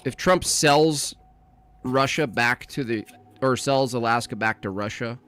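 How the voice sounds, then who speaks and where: A man's voice: medium pitch, unhurried, a crowd in the background. A man co-hosting a podcast in loose, teasing banter, rambling and laughing at his own jokes. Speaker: podcast co-host. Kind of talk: casual banter.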